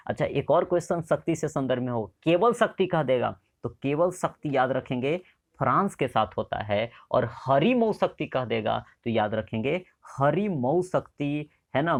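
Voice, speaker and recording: A young male teacher runs a current affairs exam lesson. He quizzes his students, answers his own questions, and repeats each answer to drill it in. His pitch sits right in the middle for a man. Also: gravelly. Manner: drills facts with repeated questions and memory tricks.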